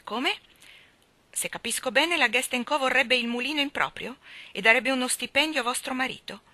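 A woman's voice: high-pitched, moderate pace, sharp tone, no echo, pitched above the performer's own voice. A woman reading an audiobook, voicing a brusque middle-aged male lawyer who speaks curtly and in a businesslike way. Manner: curt, businesslike.

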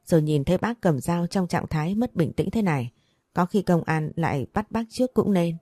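Woman as polite young man, deferential, low mellow voice, dry close sound. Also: lively intonation, fairly quick, dry recording. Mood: pleading.

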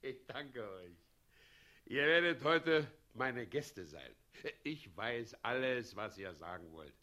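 A smug, chuckling tyrant. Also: male voice, mid-range voice, lively intonation, takes it slowly, sharp tone. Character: smug male tyrant posing as a liberator. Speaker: president of the town. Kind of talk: radio play acting.

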